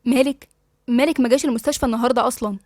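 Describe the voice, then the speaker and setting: Puzzled young coworker girl, egyptian lady voicing her, matter-of-fact, fast and high. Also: slight background noise, close to an everyday voice. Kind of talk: audiobook dialogue reading.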